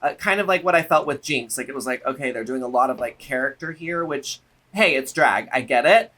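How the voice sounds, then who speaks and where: A man's voice: mid-range voice, animated, a little fast, bright, forceful tone. A man co-hosting a review show, chatting casually with opinions in a campy, sassy drag-queen manner. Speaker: reality show review co-host.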